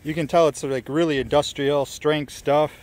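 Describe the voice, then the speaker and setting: With a handheld camera at a small airfield, this man records his father for a casual vlog, teasing, chatting and describing what's on screen outdoors. His fairly high, darkish voice holds steady at a moderate pace, over a little hiss or hum.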